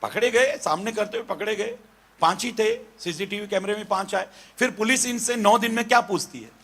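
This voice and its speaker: A male pastor preaching a sermon, animated and questioning his congregation. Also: high-pitched, moderate pace. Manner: animated, calls on listeners with questions.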